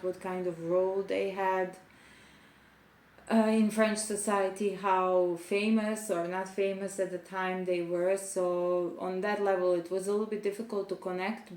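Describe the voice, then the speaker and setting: A young woman reviewing books in a casual vlog, talking in a thoughtful, measured way with pauses and restarts. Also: fairly low pitch, a little mellow. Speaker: book vlogger. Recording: echoey room.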